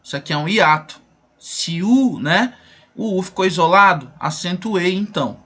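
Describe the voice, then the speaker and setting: A man's voice: sits high, expressive, normal speed, fairly bright tone, slightly rough. A man with a Brazilian Portuguese accent teaching a grammar lesson, asking questions and answering them himself while repeating the rules.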